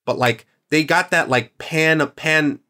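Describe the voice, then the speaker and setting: A man's voice: on the high side, takes it slowly, sharp tone. A male podcast host chatting casually and enthusiastically, often rambling and correcting himself as he goes. His delivery is loose and conversational, with fillers throughout. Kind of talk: casual chat.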